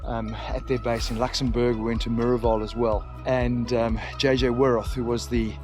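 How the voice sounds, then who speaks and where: A man's voice: medium pitch, little pitch movement, normal speed, darkish tone, soft background music. A man from South Africa with a South African accent, chatting casually and jokingly for his travel vlog at a motorhome camp. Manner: chatty, joking, self-deprecating. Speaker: travel vlogger. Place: motorhome camp beside a racetrack, outdoors.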